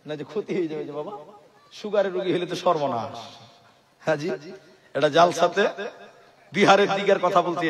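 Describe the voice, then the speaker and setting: Male preacher with an Assamese Bengali accent, high voice, fervent rhetorical stage sermon, PA sound over a loud crowd. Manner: fervent and rhetorical, chants Quranic verses, jokes with the crowd. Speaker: Islamic preacher at a night religious gathering. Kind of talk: Bengali waz sermon with storytelling. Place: outdoor stage at a large night gathering. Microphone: stage microphone. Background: crowd of listeners.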